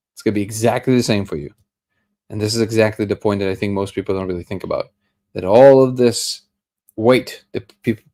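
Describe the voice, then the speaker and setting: Reading comments during his daily livestream, this male host chats casually and greets viewers by name. He has a creaky, darkish voice that sits on the low side.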